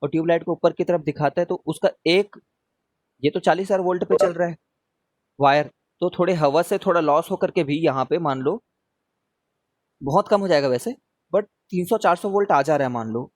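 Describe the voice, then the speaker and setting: A male teacher runs a relaxed live revision class, his voice sitting a little higher than most men's. He talks in a loose, chatty way, keeps checking that his students follow, and takes up their questions one by one. The sound is dry and close, with no room echo. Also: moderate pace. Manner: answers questions read out from students.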